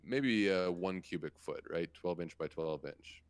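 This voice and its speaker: Very deep-voiced casual male co-host. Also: unhurried, clear, resonant tone, no room sound. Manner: casual, laughs, swears, reads news with stumbles. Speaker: podcast co-host. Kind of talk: casual chat, reading news aloud.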